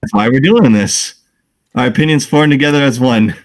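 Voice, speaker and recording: A man's voice: medium pitch, normal speed. A man co-hosting a casual gaming podcast, joking and teasing the others. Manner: playful, teasing banter. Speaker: podcast co-host.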